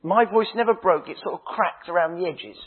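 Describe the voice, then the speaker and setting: A man, a minister, preaching a sermon with a husky voice, slow emphatic phrases that drop to a hush, and humorous stories. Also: high-pitched. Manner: dramatic preaching, slow emphatic phrases dropping to hushed tones; humorous storytelling. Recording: tinny phone-like sound.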